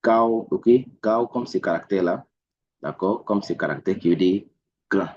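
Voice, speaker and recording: A man gives a language lesson, taking his time and repeating each word and point patiently. His voice sits on the low side with a husky edge. The recording is dull and lo-fi. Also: moderate pace. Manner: patient, repeats words and explanations. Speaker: Chinese language teacher.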